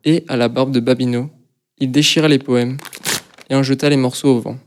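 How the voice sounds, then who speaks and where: A man reading a novel aloud as narrator, in a measured, steady storytelling manner. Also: mid-range voice. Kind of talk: audiobook reading.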